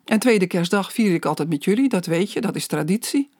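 This is a fussy, caring old grandmother in an audiobook, as a reader puts her on. She speaks softly and anxiously at a middle pitch. The recording is dry and close, with no room sound. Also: lively intonation, fairly quick, dry recording, close to an everyday voice. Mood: fretful. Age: older. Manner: soft, fretful.

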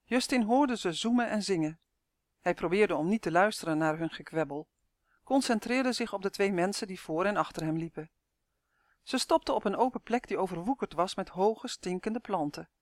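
A narrator reading a children's novel aloud in a steady, even storytelling manner. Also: medium pitch, moderate pace, dry recording, studio quality. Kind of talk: audiobook narration.

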